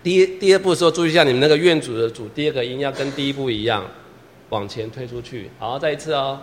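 A man's voice: mid-range voice, fast. A man directing a choir rehearsal, patiently repeating instructions, counting the singers in and singing lines to show them. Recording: long hall reverb with piano behind. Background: piano accompaniment.

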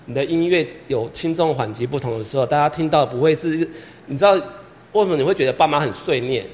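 Leading a choir rehearsal, this man talks fast in a fairly high voice with a darkish tone. He counts the singers in, sings lines to show them, and patiently goes over his instructions again. A piano accompanies him, and the hall's reverb is long.

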